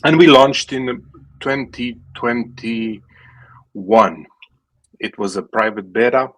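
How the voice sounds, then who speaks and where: This man talks slowly in a medium-pitched voice over poor audio. He's a Romanian gaming startup founder in his late thirties, a guest answering interview questions in fluent but non-native, Romanian-accented English with plenty of fillers and restarts.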